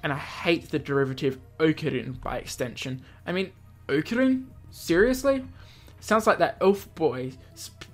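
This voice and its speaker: Reading a visual novel aloud over music, this male let's play host stumbles on words and throws in off-the-cuff remarks. His animated voice sits on the high side, at normal speed.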